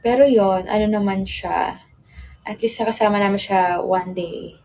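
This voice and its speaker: Her voice mid-range, steady and darkish, this young woman from the Philippines talks at a measured pace with a Filipino accent. Chatting loosely with live-stream fans, she wanders through anecdotes full of tag words, mixing English and Tagalog.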